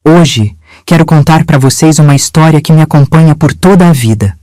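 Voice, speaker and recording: A woman in her seventies from Minas Gerais, narrating her own life story in a gentle, measured, confiding way. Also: sits low, dry recording. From Minas Gerais, Brazil. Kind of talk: scripted first-person storytelling.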